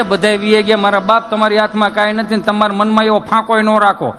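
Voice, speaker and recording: A man's voice: high-pitched, bright, forceful tone. A middle-aged man, a folk comedian telling stories and teasing and lecturing his listeners in a playful, preachy way. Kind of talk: comic dayro storytelling to an audience.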